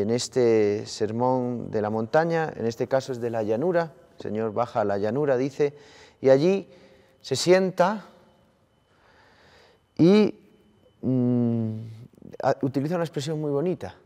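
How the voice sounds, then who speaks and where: A man, a priest from Colombia, giving an earnest, slow-paced Sunday sermon and addressing his listeners as brothers. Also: mid-range voice, dark tone, big-room sound.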